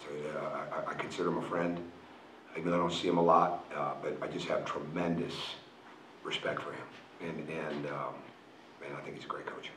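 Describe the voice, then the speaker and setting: A middle-aged man with a low voice answers reporters after a game. He is frank and keeps repeating and restarting his words. His voice echoes around a press room and is caught from a little way off the mic. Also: little pitch movement, normal speed, a bit bright, slight background noise. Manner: frank, repetitive, restarts phrases. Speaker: college basketball coach. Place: press room in front of a logo backdrop. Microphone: table mic on a stand. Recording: roomy, picked up from a distance.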